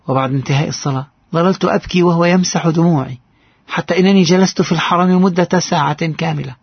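A man's voice: a little high, vocal fry, husky, no room sound, muffled recording. A man narrating a heartfelt first-person story in an earnest voice.

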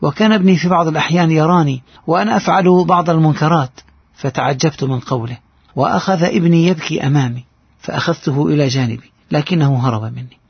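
A man's voice: a little high, quick pace, creaky, husky, dry recording, muffled recording. A man narrating a heartfelt first-person story in an earnest voice.

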